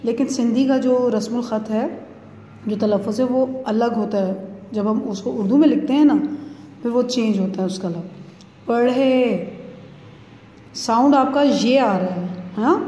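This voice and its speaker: A woman teaching young children a lesson, repeating each word slowly and checking that they follow. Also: fairly high pitch, dark tone, a little hiss or hum. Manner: slow, repeating words for pupils to copy. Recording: echoey room.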